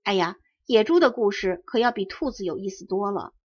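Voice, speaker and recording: A woman's voice: mid-range voice, brisk, darkish tone, husky, natural voice. A woman voicing a rude greedy boar. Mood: boastful. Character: rude greedy male wild boar, smoking. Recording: dry dull close recording.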